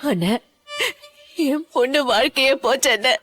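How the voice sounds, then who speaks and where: A woman dubbing a tearful, high-voiced mother. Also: unhurried, a bit bright, soft background music. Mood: pleading. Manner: tearful, pleading, wailing. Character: distraught middle-aged mother, grieving over her daughter. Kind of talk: dubbed TV serial acting.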